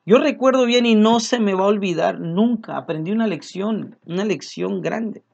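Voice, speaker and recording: A man's voice: sits high, normal speed, gravelly, darkish tone, muffled recording. A man preaching a sermon, earnest and repeating his key phrases as he speaks to his congregation as brothers.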